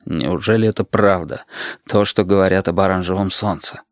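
An audiobook narrator reading a story in a calm, even storytelling manner. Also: sits low, moderate pace, no echo, clean studio sound.

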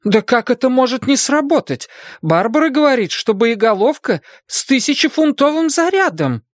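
A man's voice: very animated, normal speed, dry recording, studio quality. A man reading an audiobook, voicing a flustered middle-aged woman who serves as a town official. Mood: eager. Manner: high, shrill and indignant. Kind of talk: audiobook character voice.

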